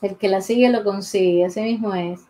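A woman's voice: mid-range voice, fairly even intonation, fairly quick, dark tone, rough recording. A woman chatting casually while she draws during a live drawing tutorial, thinking aloud and greeting viewers by name, on a desk mic. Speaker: drawing teacher streaming live. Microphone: desk mic beside the pencil sharpener.

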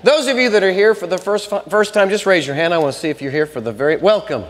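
A male pastor warmly welcoming the congregation and giving announcements, speaking effusively. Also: sits high, quick pace, big-room sound. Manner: enthusiastic, effusive. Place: large church sanctuary.

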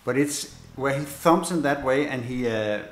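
A man giving a bass lesson, explaining in a halting way with many fillers and restarts and counting beats aloud. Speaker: bass teacher. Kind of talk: instrument lesson demonstration. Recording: roomy echo with loud bass playing.

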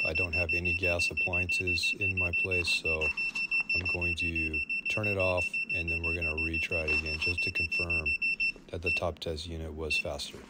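Chill plumber guy, real low voice, reviewing a tool. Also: heavy background noise. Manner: easygoing, plain-spoken. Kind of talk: product review voice-over.

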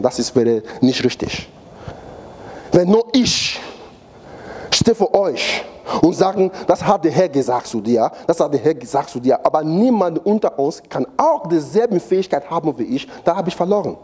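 A preacher with a mid-range, darkish voice gives a sermon in a church hall, repeating phrases for emphasis and asking the congregation to fill in missing words. There's slight background noise.

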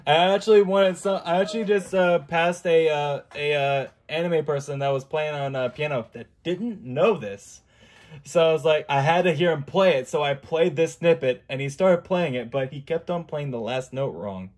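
A man hosting a casual live stream, chatting in a rambling, halting way full of fillers over a video chat mic. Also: a little high. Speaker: streamer host. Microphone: video chat computer mic.

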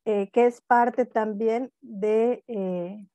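A woman's voice: fairly high pitch, fairly even intonation, drawn-out words, mellow, dry recording, muffled recording. A woman gives an online lecture over a video call, explaining step by step and often checking in with tag questions. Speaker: speaker at a university talk.

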